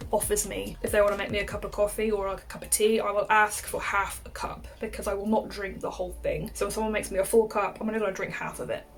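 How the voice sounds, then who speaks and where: A woman's voice: mid-range voice, creaky. A young woman, telling a story to camera in a chatty way, saying "like" a lot and laughing often. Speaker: vlogger.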